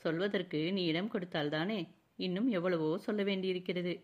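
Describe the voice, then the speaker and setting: A young prince of an old kingdom, courtly and teasing, speaking in formal storybook speech, as a woman narrator reads his lines. The voice is a woman's, pitched a little low. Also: brisk, highs cut off, natural voice. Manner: mocking, courtly. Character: young royal prince, teasing then tender.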